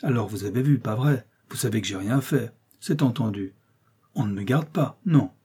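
A man voicing a brawny Parisian street thug who protests loudly and insistently in slangy speech. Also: medium pitch, moderate pace, slightly rough. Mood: protesting.

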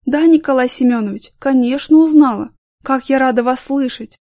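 A fussy office woman, squeamish and exasperated, turning sugary for clients, played by a woman reader. Her voice is fairly high and recorded dry and close. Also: fairly quick, warm tone, no room sound. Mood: fawning. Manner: exasperated, fawning on the phone.

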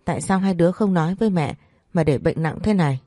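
A woman's voice: on the low side, quick pace, dark tone, dry recording, studio quality, lightly acted. Woman voicing distraught, reproachful mother. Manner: crying, reproachful. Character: distraught middle-aged mother, wailing and scolding.

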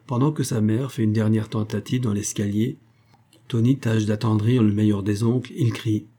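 A man with a fairly low voice narrates a classic children's story, delivering it in a measured, expressive storytelling style.

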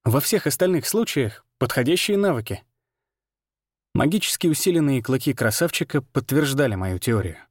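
A man narrating a fantasy novel in the first person, reading in a steady, even storytelling manner. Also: mid-range voice, moderate pace, no room sound, studio quality. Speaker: audiobook narrator.

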